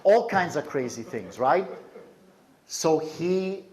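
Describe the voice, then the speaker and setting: A man's voice: expressive, slow. Impassioned man giving a spoken testimony. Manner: impassioned, swinging between loud urgent bursts and low quiet emphasis; non-native phrasing with small grammar slips. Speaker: speaker giving his testimony. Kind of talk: personal testimony to an audience.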